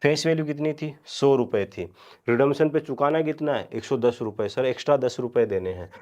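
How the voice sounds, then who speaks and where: A man giving a revision lecture as a commerce teacher. He quizzes his students with questions and answers them himself, and he dictates journal entries slowly, word by word. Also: mid-range voice, darkish tone.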